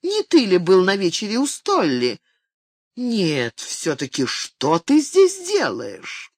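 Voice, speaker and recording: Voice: mid-range voice, wildly swooping pitch, slow pace, no echo, clean studio sound, full character voice. An audiobook reader voicing a furious wealthy woman who shrieks in outrage. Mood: suspicious.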